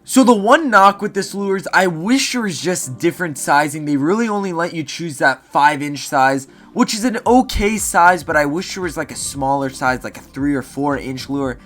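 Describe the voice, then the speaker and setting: A man's voice: fairly high pitch, fairly bright tone. A man presenting a top ten countdown review to viewers in a casual, emphatic way, stressing and repeating key phrases. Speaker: host of a fishing gear review video. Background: music.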